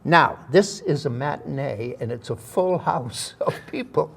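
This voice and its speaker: A man's voice: fairly high pitch, expressive, unhurried, vocal fry, a bit bright, a little hiss or hum. An older man, a veteran actor, tells stories from his career in an interview, with hesitant fillers and restarts. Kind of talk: anecdotal interview storytelling.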